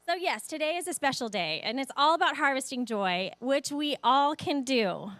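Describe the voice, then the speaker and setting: A woman's voice: high-pitched, expressive, normal speed, fairly bright tone, no room sound. A woman in her forties giving a sermon in a church, telling personal stories in an emotional way and laughing often. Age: 40s. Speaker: guest speaker. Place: church sanctuary.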